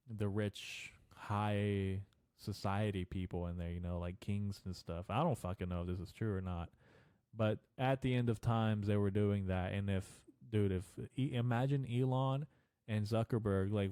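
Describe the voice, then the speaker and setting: Here the podcast host's voice sits on the low side, mellow and clean, captured dry at studio quality. This young man rambles through his casual solo show in a loose, profane, slangy way, a mild stutter and lisp showing through.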